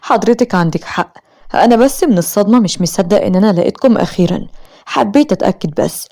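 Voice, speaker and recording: A woman with an Egyptian accent voicing a polite, formal male lawyer in an animated story. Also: mid-range voice, fast talker. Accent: Egyptian Arabic.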